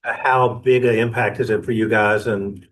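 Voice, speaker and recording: A man's voice: fairly low pitch, steady tone, moderate pace, fairly bright tone, poor audio. A man on a hearing panel, asking questions in a casual, conversational way.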